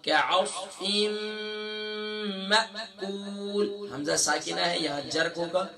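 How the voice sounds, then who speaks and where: A man teaching a Quran recitation lesson, explaining mistakes quickly and then chanting the verses slowly and melodically. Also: on the high side, vocal fry, a crowd in the background.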